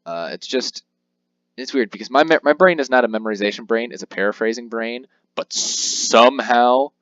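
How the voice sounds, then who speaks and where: A young let's play host talks casually over a handheld game, rambling, mocking himself and performing the game's text in voices. His lowish voice is a bit bright. The audio has no echo but sounds dull.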